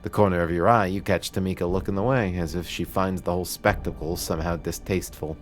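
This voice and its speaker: Deep voiced guy reading game narration on stream, steady, trips over words now and then, faint music. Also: fast talker. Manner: steady narration, occasional stumbles and restarts. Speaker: streamer narrating a visual novel. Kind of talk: reading game text aloud.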